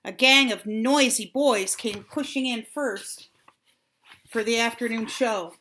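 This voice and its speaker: An older woman reads a children's story expressively. Her voice is bright and fairly high, and she draws out words for dramatic effect. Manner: deliberate, dramatic phrasing with drawn-out words. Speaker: grandmother reading a storybook aloud.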